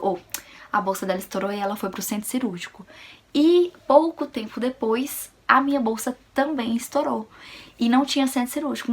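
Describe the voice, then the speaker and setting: A young woman from Brazil, a vlogger, telling a personal story in a casual, animated way and acting out the voices of others. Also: fairly high pitch, slightly rough. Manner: animated, acts out quoted voices.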